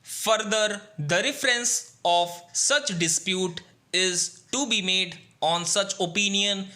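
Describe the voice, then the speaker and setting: A man with an Indian accent is dictating formal text at a slow, measured rate. His voice is high and very bright, with a forceful edge. He reads phrase by phrase, as for shorthand practice, speaking punctuation aloud.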